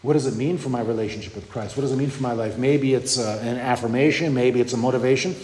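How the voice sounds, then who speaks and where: A man's voice: mid-range voice, fast talker, a little mellow, slight background noise. Man preaching in an echoey hall. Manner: conversational teaching with frequent "okay?" and "you know". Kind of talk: sermon. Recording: echoey hall with long reverb.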